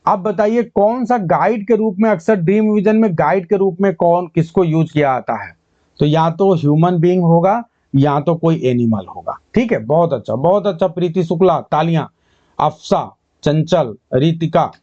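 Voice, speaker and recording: A male teacher with a high voice runs an online exam-prep class. He calls out questions, reads English prompts slowly word by word, and cheers on his students' answers. The sound is dry and a little dull. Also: warm tone, no echo. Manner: quizzes students, praises answers, mixes English terms into Hindi.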